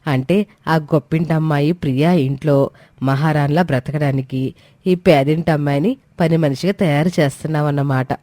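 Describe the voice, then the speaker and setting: A woman's voice: sits low, steady tone, normal speed, warm tone, no echo, natural voice. A woman playing a sly, taunting aunt. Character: sly, gossiping middle-aged sister-in-law.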